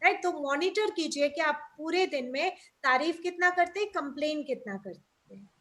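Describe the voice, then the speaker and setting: A woman's voice: high voice, lively intonation, normal speed, a bit bright. A woman trainer giving an enthusiastic, upbeat webinar talk over a video call.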